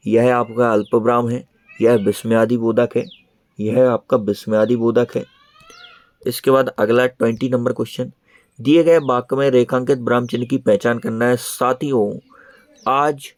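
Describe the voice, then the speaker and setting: A man's voice: medium pitch, darkish tone, no room sound. A man teaching an online exam prep lesson in speech, repeating each answer as he explains it.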